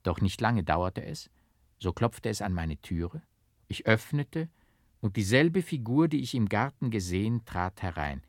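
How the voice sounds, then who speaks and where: A man reading a classic novel aloud, in measured, rhythmic, carefully stressed scripted narration. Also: on the low side, very animated, no room sound, studio quality. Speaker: audiobook reader.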